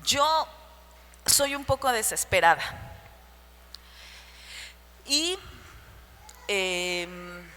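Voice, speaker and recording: Preaching to the women of her church, a woman shares personal stories and asks her listeners rhetorical questions in a shrill, sharp-toned voice. She is very animated yet speaks very slowly, with long pauses. The church hall adds reverb and a faint hum.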